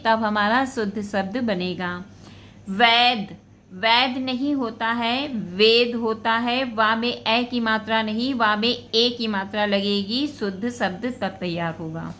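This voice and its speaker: A woman teacher talks through spelling corrections at a very unhurried pace. Her voice sits a little high and sounds bright. She names each word and says it again slowly before explaining what is wrong with it. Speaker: Hindi teacher. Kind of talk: spelling lesson for school students.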